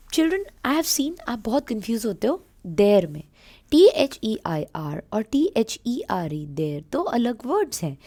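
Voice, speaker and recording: Indian-accented woman teacher, Hindi speaker, very slow and deliberate, repeats words and answers her own questions for young readers. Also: fairly high pitch, warm tone. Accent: Indian English. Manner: slow, drawn-out word repetition, switching between English and Hindi explanations; asks children questions and answers them herself. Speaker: English reading teacher. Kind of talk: read-along phonics lesson for children.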